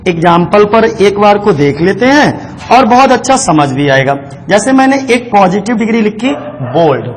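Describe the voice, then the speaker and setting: A man's voice: sits high, in a large hall, a little hiss or hum. A man from India teaching English grammar in a coaching class, repeating key points and asking himself questions before he answers them. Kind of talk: classroom lesson.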